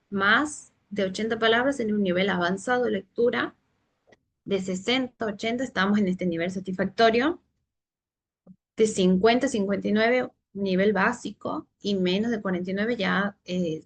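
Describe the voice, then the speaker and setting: Hesitant woman explaining reading skills. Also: mid-range voice. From Santiago del Estero, Argentina. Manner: explanatory, frequent hesitations and restarts. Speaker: literacy trainer for teachers. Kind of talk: teacher training presentation.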